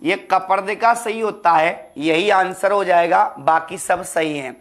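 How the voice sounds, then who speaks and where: A man's voice: high-pitched, measured pace, fairly bright tone. A male Hindi teacher running an exam prep lesson, who keeps asking his students questions and answering them himself. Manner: calls students "beta" and "ladlo", asks and answers own questions.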